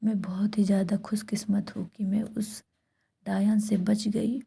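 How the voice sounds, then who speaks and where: A woman's voice: medium pitch, little pitch movement, a little slow, gravelly, dark tone, slightly rough. A woman whispering a first-person horror story throughout.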